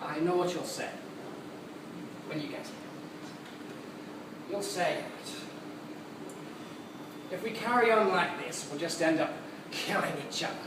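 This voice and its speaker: A man's voice: sits high, brisk, natural voice. A man playing a mad, theatrical supervillain clown in a dramatic, mocking stage monologue. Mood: quiet menace. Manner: theatrical, mocking, dragging out words for emphasis. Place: large cinema auditorium. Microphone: distant recorder in the room. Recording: echoey, noisy hall recorded from far off.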